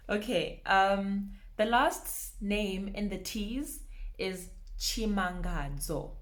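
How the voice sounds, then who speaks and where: A young woman teaching name pronunciation, saying each word slowly and repeating it, laughing often. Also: mid-range voice, animated, a bit bright. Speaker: language teacher. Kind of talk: pronunciation lesson.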